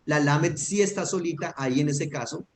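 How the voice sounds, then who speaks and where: A man's voice: on the high side, moderate pace. A man teaching a grammar lesson online, patient and methodical, often checking that his student follows. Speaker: Hebrew teacher. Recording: echoey room with faint noise.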